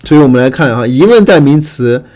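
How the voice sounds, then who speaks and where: A man teaching Greek grammar in a lecture, patient and repetitive, often checking that students follow and reading word forms aloud slowly. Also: medium pitch, expressive, darkish tone. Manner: patient, repetitive, frequent fillers and checking questions. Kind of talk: online lecture explaining grammar.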